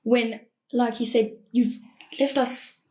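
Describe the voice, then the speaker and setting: A woman's voice: on the high side, steady tone, slow, dark tone. A woman in her early twenties, a student on a panel, explaining her views earnestly and at length. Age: 20s. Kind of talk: casual panel discussion.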